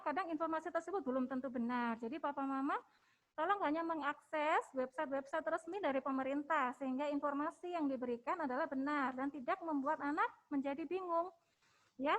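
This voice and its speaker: High-voiced woman coaching parents. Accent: Indonesian. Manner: gentle, coaxing, ends phrases with "ya". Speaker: hospital health educator. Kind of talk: webinar talk for parents.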